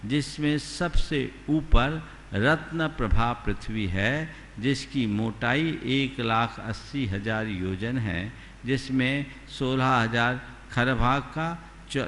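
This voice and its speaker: A man, a Jain monk, giving a sermon, teaching slowly and deliberately and asking his listeners rhetorical questions. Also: mid-range voice, a bit bright. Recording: long hall reverb, faint background noise.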